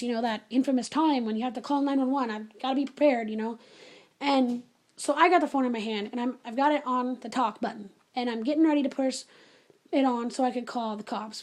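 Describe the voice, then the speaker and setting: A woman casually telling a personal story in an animated, chatty way, full of asides. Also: a little high.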